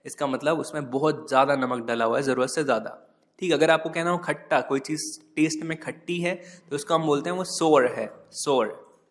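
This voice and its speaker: A man with a slightly high voice teaches English words in a relaxed, chatty lesson. He says each word again, spells it letter by letter, and often checks in with an "okay". A long reverb trails behind his voice. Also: normal speed. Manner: repeats and spells words, often adds "ठीक". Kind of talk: casual Hindi vocabulary lesson.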